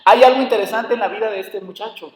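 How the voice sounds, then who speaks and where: A man with a high voice delivers a sermon, often stopping to ask his listeners questions. His words ring out in a large, echoing hall with a long reverb tail. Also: quick pace. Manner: addresses listeners as brothers, asks rhetorical questions. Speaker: preacher. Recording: echoey hall.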